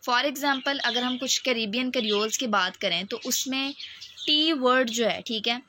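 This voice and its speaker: A woman's voice: on the high side, measured pace, background noise. A woman teaching a lecture, explaining each point step by step and often checking in with "okay". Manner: explains step by step, often says "theek hai". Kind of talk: recorded lecture explaining topics.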